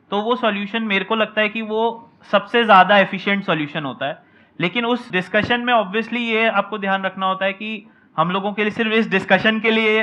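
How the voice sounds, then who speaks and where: A man speaking in a measured, explanatory way as a business co-founder on a discussion panel, mixing English words into Hindi. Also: high voice, bright, forceful tone, muffled recording. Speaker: co-founder of an online coaching channel. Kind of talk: conversational panel talk.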